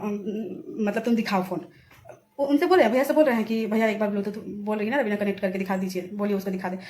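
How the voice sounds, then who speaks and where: तेज़ बोलने वाली महिला, जोशीली कहानी. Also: female voice, a little high. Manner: animated retelling, acts out quoted people. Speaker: vlogger. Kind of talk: casual storytelling vlog.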